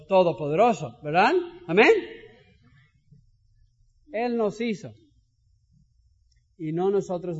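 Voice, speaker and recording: A man preaching a sermon as pastor, animated and shouting for emphasis. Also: sits high. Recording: dull sound with long hall reverb.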